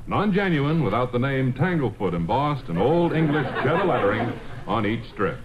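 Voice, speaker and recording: A man's voice: mid-range voice, sing-song, moderate pace, very noisy, natural voice. Man doing a pompous, swooping mock radio announcer. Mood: mock-solemn. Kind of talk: parody of old radio announcing. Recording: dull old radio, loud music and crowd.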